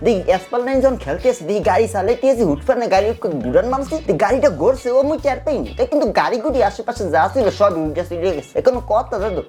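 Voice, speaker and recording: A man with a fairly high voice plays up a comic Barishal dialect of Bengali. He rambles through a gaming review in playful, folksy banter at a brisk clip. Faint music sits underneath. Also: darkish tone. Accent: Barishal dialect of Bengali, put on. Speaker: gaming segment presenter.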